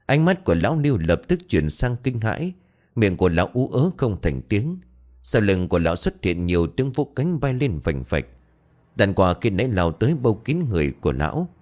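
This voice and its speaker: A man's voice: on the low side, very animated, brisk, darkish tone. A man narrating a scripted horror story as a storyteller, lifting his voice when the frightened figures cry out.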